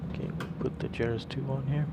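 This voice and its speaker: A man's voice: mid-range voice, steady tone, quick pace. A man doing live flight simulator commentary as the pilot, mixing clipped procedural radio calls with casual muttering. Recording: loud cockpit engine and air noise.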